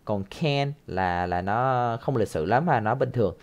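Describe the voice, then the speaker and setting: A man's voice: lowish voice, animated, a little slow, highs cut off. Male teacher, patient and repetitive, walks students through listening drills. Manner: patient, repeats phrases, ends sentences with soft tag words. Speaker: English teacher. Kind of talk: explaining a listening lesson.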